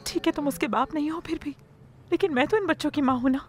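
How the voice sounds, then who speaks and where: A woman's voice: high-pitched, fast, darkish tone, faint music behind, natural voice. A woman dubbing a tearful pleading mother. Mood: reproachful. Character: grieving, pleading mother of grown son. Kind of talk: Urdu film dubbing.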